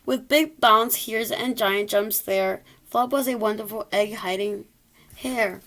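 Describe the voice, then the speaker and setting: A woman's voice: medium pitch, a little slow, fairly bright tone. A woman reading a rhyming children's story aloud expressively, occasionally stumbling over a word. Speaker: storybook reader.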